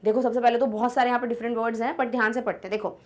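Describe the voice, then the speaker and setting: High-voiced woman teaching a poem. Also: little pitch movement. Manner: chatty, explanatory, checks understanding with "ठीक है"; reads English lines slowly and deliberately. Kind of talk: online lesson explaining an English poem in Hindi.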